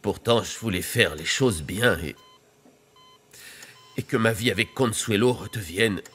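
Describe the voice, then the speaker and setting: A man's voice: fairly low pitch, a little slow, a bit bright. An actor dubbing a telenovela, playing a young man who begs and clings to the woman he loves, intense and pleading. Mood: despairing. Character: young man, obsessive and desperate lover. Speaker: dub actor. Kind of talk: dubbed telenovela acting.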